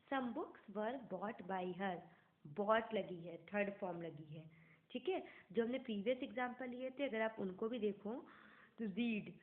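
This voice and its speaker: A woman teaching an English grammar lesson in Hindi, explaining patiently, asking if things are clear and reading English example sentences slowly, with a slightly sore throat. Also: fairly high pitch. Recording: echoey room, tinny phone-like sound.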